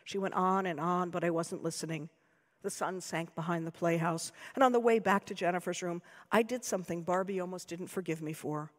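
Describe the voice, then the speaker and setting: A woman's voice: lowish voice, fairly even intonation, fairly quick. American woman reading in a reverberant hall. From United States. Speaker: author. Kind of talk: reading her own fiction aloud. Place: lecture hall.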